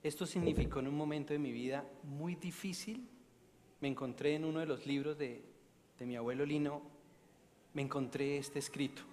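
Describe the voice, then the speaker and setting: Lay speaker, male, storytelling mission talk, moves from loud to hushed; church reverb. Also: a little high, moderate pace. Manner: animated, swings from loud to hushed. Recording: long church reverb, faint noise.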